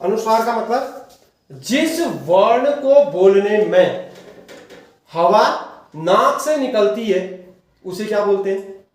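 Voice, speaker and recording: A man's voice: high voice, expressive, slow, pauses often. Man, teacher, classroom grammar lesson, quizzing tone, distant mic, heavy room echo. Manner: quizzes listeners, drawing words out syllable by syllable. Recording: very echoey room, mic far off.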